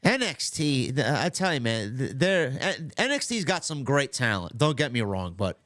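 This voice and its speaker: A New York man hosts a casual watch-along livestream, sounding stuffy and nasal from congestion. His medium-pitched, sing-song, slightly bright voice moves at normal speed as he's blunt, swears a lot and restarts often, on a dry recording.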